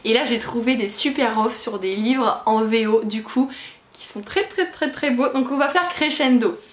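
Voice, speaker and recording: A woman's voice: fairly high pitch, normal speed. A woman book vlogger chatting casually and gushing over her new books as she unboxes them, giggly and self-mocking. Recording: echoey room.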